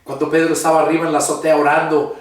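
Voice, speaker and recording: Earnest older Mexican preacher in a booming echo. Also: male voice, level tone, rapid-fire. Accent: Mexican Spanish. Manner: earnest, heartfelt storytelling. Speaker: pastor. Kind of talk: personal testimony sermon. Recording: very echoey room, voice far from mic.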